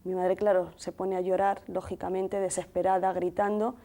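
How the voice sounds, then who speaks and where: Woman with a mellow, dark voice, from Madrid. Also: on the low side, little pitch movement. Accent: Spanish from Madrid. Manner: measured, detailed retelling with quoted dialogue. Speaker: guest, sister of the deceased. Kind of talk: emotional first-person account in a TV interview.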